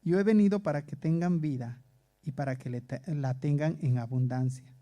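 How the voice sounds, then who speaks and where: Pastor guy preaching, kinda high voice but mellow, keeps asking the church questions. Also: moderate pace. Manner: conversational preaching with rhetorical questions. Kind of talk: sermon. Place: church in Stockholm.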